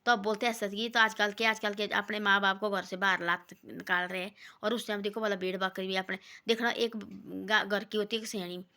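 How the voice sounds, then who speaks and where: A woman spins homespun moral tales in a loose, repetitive way, often circling back to the same point. She drops lower and softer when she quotes the people in her stories. Her voice is bright and forceful, with a steady mid pitch. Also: brisk, hardly any pauses. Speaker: storyteller giving moral talks. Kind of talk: casual moralizing folk storytelling.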